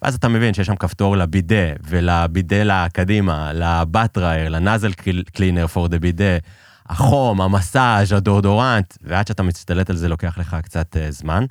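A man's voice: low-pitched, no echo, clean studio sound. A man with an Israeli Hebrew accent, telling stories conversationally as an interview guest, feeling for words and mixing in English business terms. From Iran, immigrated to Israel. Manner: hesitant searching delivery, peppered with English business terms. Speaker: podcast guest, business executive.

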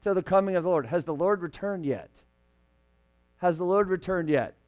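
Higher-voiced man preaching a casual sermon. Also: muffled recording. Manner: casual, joking asides, swells louder and slower when reading scripture. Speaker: pastor. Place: church sanctuary.

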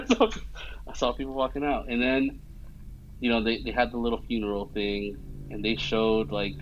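A man's voice: medium pitch, normal speed, highs cut off. A young man casually retelling a film scene by scene, with lots of fillers and check-ins with his listener. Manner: animated storytelling with many fillers and "you know what I mean". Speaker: movie fan recapping a film. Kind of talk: casual chat.

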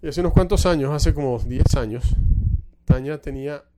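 Halting Spanish-speaking male preacher. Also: fairly high pitch, very noisy. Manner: halting, repeats words while telling a story. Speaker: pastor. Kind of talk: sermon.

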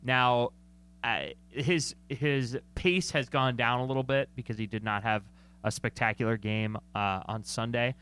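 A man's voice: mid-range voice, unhurried, a bit bright, smooth. Chatty man breaking down football. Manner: chatty, self-correcting, joking. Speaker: sports podcast co-host. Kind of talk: casual sports talk.

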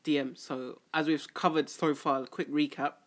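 Fairly high-voiced young man co-hosting. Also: little pitch movement, moderate pace, a bit bright. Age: young adult. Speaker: podcast co-host. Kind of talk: casual chat, steering the discussion.

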